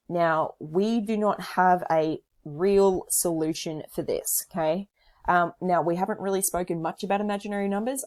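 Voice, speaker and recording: A woman with a low voice teaches a maths lesson, talking through each step of her working. Her tone is casual and a little hoarse. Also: darkish tone. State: slightly hoarse. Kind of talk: recorded whiteboard lesson.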